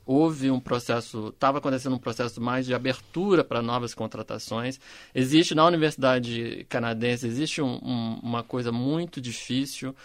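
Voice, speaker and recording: A man's voice: mid-range voice, fairly bright tone, dry recording, clean studio sound. A man, a panel guest who often stalls and repeats words as he searches for them. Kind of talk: discussion on a panel show.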